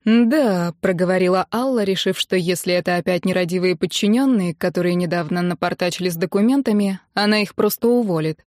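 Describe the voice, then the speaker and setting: A woman reading a novel aloud as an audiobook narrator, with a measured, even delivery. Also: fairly low pitch, no echo, studio quality. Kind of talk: scripted narration.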